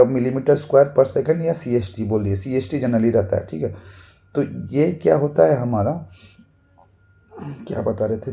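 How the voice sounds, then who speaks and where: Guy explaining engineering stuff, super dark mellow voice, repeats everything. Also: medium pitch, gravelly. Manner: repetitive, says "thik hai" constantly, repeats terms. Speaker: technical instructor. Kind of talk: casual whiteboard lesson.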